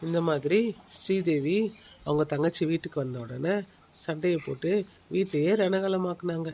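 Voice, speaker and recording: A man narrating the close of a cartoon family drama episode in a calm, measured way. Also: fairly high pitch, vocal fry. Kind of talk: storytelling wrap-up narration.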